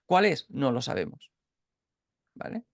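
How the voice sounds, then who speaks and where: A man's voice: mid-range voice, very animated, a little slow, gravelly, no room sound, clean studio sound. Spanish man teaching a Bible class. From Catalonia. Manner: explanatory, many restarts and checking questions. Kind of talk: informal online Bible class. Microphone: video call.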